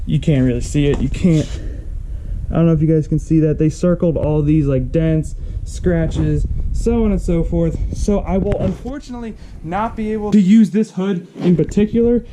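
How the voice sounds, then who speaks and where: Young man, casual car vlog, chatty with lots of ums, slightly high voice, faint room noise. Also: dark tone. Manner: chatty, rambling with fillers. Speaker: car vlogger. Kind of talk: casual vlog talk to camera. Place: hot home garage. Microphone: camera set down nearby.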